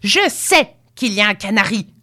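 A woman voicing a fierce, imperious old grandmother who barks orders in loud, shrieking outbursts. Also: high-pitched, big pitch swings, a little slow, voice pushed up, exaggerated voice. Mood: furious, commanding.

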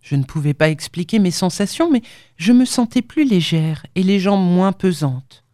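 A woman narrating an audiobook in a measured, sombre storytelling manner. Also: on the low side, lively intonation, dark tone, no room sound, studio quality.

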